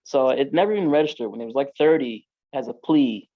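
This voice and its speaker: A man's voice: medium pitch, brisk, no room sound, muffled recording. A man, a podcast guest, telling his own story in casual street slang, full of "like" and "you know".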